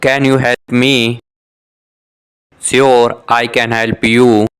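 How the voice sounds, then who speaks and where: For a beginner English lesson, a man with a mid-range voice reads scripted dialogue for learners to shadow. He is unhurried, crisp and careful with an even tone, giving each short question and answer twice in a measured, precisely articulated delivery.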